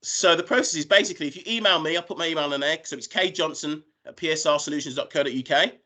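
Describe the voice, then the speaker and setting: Higher-pitched British man presenting informally. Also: quick pace, bright, forceful tone. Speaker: recruiter presenting job opportunities. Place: online video call.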